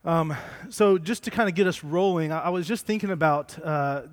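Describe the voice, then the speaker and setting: Man preaching a sermon, fairly high voice, casual and conversational, restarts his words. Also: moderate pace. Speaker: pastor. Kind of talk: sermon with storytelling and prayer.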